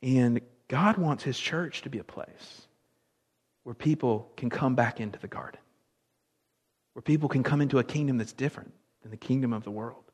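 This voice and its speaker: A male pastor preaching a sermon, animated, with big swings in loudness and drawn-out words for emphasis. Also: medium pitch, breathy edge. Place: church worship hall. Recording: long reverb of a large hall.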